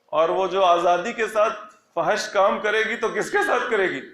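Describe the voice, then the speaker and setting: A man with a fairly high voice gives a religious lesson, reciting a scripture line and then unpacking it with emphatic, repeated phrases. His voice rings in a noticeably echoey room. He sounds like a teacher walking listeners through a text. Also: fairly bright tone, a little hiss or hum. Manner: explains verse by verse, reciting Arabic lines then rephrasing them. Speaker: Quran teacher.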